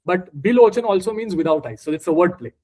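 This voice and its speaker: The voice is high with lively intonation, a quick pace, and a dark tone. It belongs to an Indian man, a native Marathi speaker with an Indian accent, who informally teaches a scripture group word by word and fields questions.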